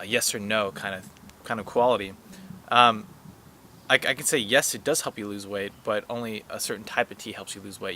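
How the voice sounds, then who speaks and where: Bright-voiced young man vlogging casually. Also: lowish voice, a little hiss or hum. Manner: rambling, filler-heavy, earnest advice. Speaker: wellness vlogger. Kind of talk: casual talk to camera.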